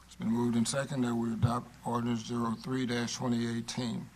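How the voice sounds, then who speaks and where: A man serving as mayor, running a council meeting in a brisk, businesslike, formulaic way. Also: mid-range voice, completely flat delivery, a little mellow, poor audio. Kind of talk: formal meeting procedure. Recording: clear background room noise.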